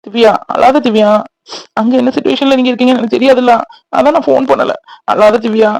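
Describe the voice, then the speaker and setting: A man's voice: very high-pitched, steady tone, fast talker, creaky, a little mellow, no echo, low-quality recording. A man acting in a family skit as a brother who soothes his crying sister and hesitates with his father. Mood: soothing. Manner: soothing, reassuring.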